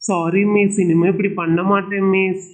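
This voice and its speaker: A man's voice: high voice, little pitch movement, close to an everyday voice. A man voicing a cheeky schoolboy in a doll show, drawling and mocking. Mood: apologetic. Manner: mocking, giggling, slow drawl. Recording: tinny phone-like sound.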